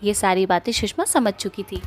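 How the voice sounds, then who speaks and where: A woman narrating a cartoon story in a plain, steady storytelling manner. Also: medium pitch, normal speed.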